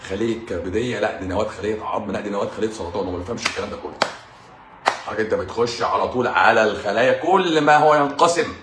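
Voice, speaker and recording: A man's voice: fairly low pitch, rapid-fire, echoey room, noisy background. A man with an Egyptian Arabic accent, a doctor hosting a live stream in a casual monologue, mocking and combative, repeating his points for emphasis.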